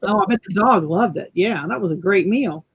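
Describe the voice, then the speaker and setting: A woman's voice: medium pitch, expressive, a little fast, slightly rough, no echo, highs cut off. A woman from a radio club calling in, chatting in a friendly storytelling way. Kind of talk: casual chat.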